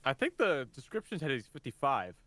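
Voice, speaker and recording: A man chatting with excitement and amusement while playing a courtroom game. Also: medium pitch, brisk, slight background noise. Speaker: game streamer. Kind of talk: casual game commentary.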